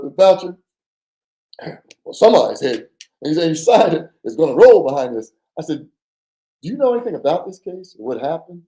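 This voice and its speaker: A middle-aged man, a guest on a podcast, tells war stories in a casual, animated way, acting out the dialogue and swearing freely. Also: fairly high pitch. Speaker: podcast guest, former undercover agent. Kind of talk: casual storytelling interview. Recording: echoey room.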